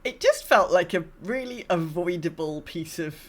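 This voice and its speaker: This gaming podcast co-host is a woman with a lowish, expressive voice who speaks at a normal speed. Her chat is relaxed and meandering, as if she's working things out aloud.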